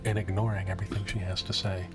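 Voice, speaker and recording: A man voicing a calm, aloof woman seer of an inner circle who lectures in a measured way. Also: deep voice, lightly acted. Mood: serene. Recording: music playing behind.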